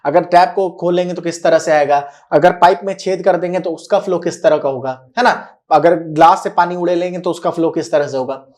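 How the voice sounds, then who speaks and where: A male teacher giving a recorded lecture, explaining patiently, repeating key words slowly and often asking whether students are following. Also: fairly high pitch, steady tone, darkish tone. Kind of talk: recorded classroom-style lecture.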